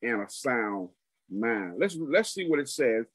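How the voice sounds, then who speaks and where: A man preaching a sermon, teaching slowly and deliberately, repeating phrases for emphasis. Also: medium pitch, sing-song, breathy edge, no room sound, poor audio.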